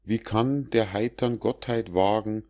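A man's voice: fairly low pitch, fairly even intonation, measured pace, darkish tone, pitched above the performer's own voice, natural voice. A man voicing a fearful young male shepherd crying out to his father.

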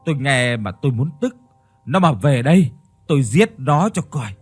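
A man's voice: mid-range voice, big pitch swings, normal speed, faint music behind. A man voicing an angry, hot-tempered village father in a ghost story. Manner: angry, gruff.

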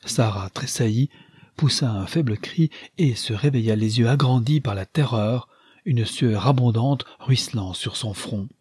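A man narrating a classic novel in a measured, even audiobook reading. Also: mid-range voice, husky, no echo, studio quality.

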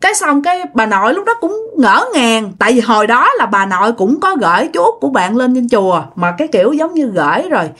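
Woman with a southern vietnamese accent, high voice, very lively pitch, casual ghost story telling. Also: brisk, hardly any pauses, slightly rough. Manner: chatty, addresses listeners directly.

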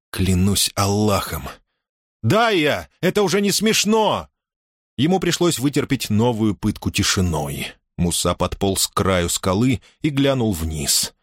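A man reading a novel aloud as an audiobook narrator, in a steady, measured storytelling manner. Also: fairly low pitch, no echo, clean studio sound.

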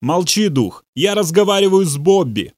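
A man voicing a calm, firm pastor in an audiobook, speaking with steady authority. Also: high-pitched, normal speed, no room sound, studio quality, pitched above the performer's own voice. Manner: firm and commanding. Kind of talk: audiobook reading.

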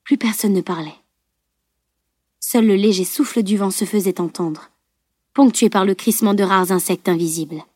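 A woman's voice: mid-range voice, dry recording. Woman narrating an audiobook, dry and close. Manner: measured, steady storytelling.

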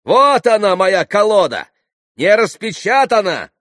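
A man voicing a blustering middle-aged innkeeper who scolds loudly. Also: high-pitched, big pitch swings, measured pace, no room sound, clean studio sound, voice pushed up, exaggerated voice. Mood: indignant scolding. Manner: loud, scolding.

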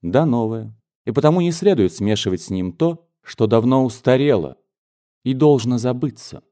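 A man reading an audiobook, voicing a brooding, bitter young gentleman in a low, restrained voice. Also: animated, moderate pace, lightly acted. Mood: earnest. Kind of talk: audiobook character voice.

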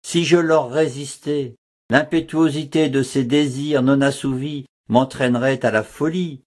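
Man reading as a torn old-world monk, firm but gentle, slow and grave. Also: mid-range voice, fairly even intonation, close to an everyday voice. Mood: earnest. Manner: grave, measured, earnest.

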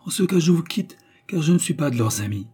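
A man reading an audiobook, voicing a lively young woman with a raised, bright tone. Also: medium pitch, fast talker, breathy edge. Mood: hushed. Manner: bright, lifted tone.

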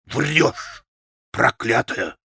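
A man voicing a desperate, frantic strong young man who pleads and shouts in an audiobook. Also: fairly low pitch, normal speed, no echo, clean studio sound. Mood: furious. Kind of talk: audiobook character voice.

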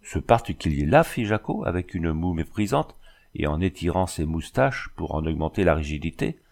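A man reading a classic novel aloud in a measured audiobook narration. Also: low-pitched, big pitch swings, vocal fry, a little mellow.

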